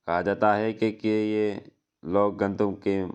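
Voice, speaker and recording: Deep, flat-voiced male religious storyteller. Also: smooth, muffled recording. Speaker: narrator.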